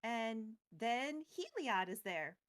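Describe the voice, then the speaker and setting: As co-host of a recap show, a woman with a slightly high voice chats casually while retelling a story, adding playful and wry side comments. She talks slowly, with big swings in pitch.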